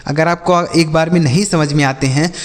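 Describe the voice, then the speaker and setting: A man teaching English vocabulary to children, spelling each word slowly and repeating it, asking and answering his own questions. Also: a little high, fairly even intonation. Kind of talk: spoken vocabulary lesson for children. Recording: long hall reverb.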